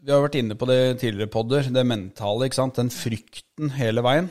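A man's voice: mid-range voice, darkish tone. Man reasoning aloud in podcast chat. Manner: reflective, building an argument step by step. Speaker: podcast co-host, football fan.

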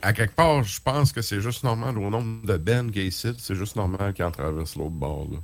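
A man co-hosting a radio show, explaining things in relaxed, colloquial speech with a Québécois accent. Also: fairly low pitch, a little fast, no echo, soft background music. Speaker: radio co-host. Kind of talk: casual radio chat.

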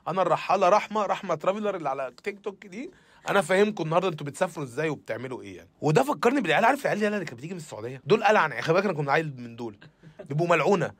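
Young egyptian guy ranting comedy style, super fast, sarcastic and sweary, slightly high voice. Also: animated, husky, dry recording. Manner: rambling, sarcastic, slangy and profane. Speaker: comedic show host. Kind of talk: casual comic monologue.

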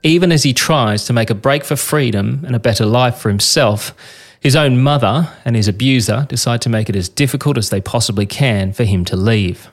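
A man's voice: medium pitch, fairly quick. A man hosting a show, delivering scripted storytelling narration. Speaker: podcast host and narrator. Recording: noticeable background noise.

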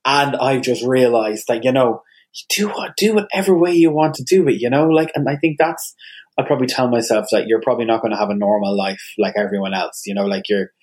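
An Irish man chatting candidly as a podcast guest, open and quick with asides. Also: mid-range voice, darkish tone. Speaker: guest, radio presenter. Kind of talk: casual podcast chat.

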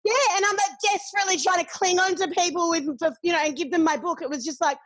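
A woman's voice: very high voice, steady tone, fast, a bit bright, dry recording. A middle-aged Australian woman chatting candidly, swearing freely and acting out what others said. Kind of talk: casual chat.

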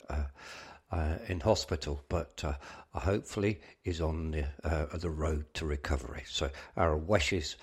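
A man's voice: low voice, slightly rough. A man hosting a brass band radio show, talking casually with lots of fillers and some rambling.

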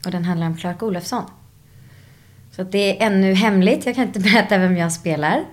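Reflective actress telling her story. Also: mid-range voice. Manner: drops English phrases into her speech. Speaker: actress guest. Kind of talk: casual interview chat.

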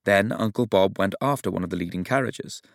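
An audiobook narrator with a voice on the low side reads a novel aloud in measured, even storytelling. The recording is dry and the sound clean, as in a studio.

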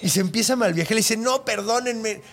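A man with a Mexican accent hosting a podcast, retelling a story in a loose, animated, slang-heavy casual chat. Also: high-pitched, racing, husky. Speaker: podcast host.

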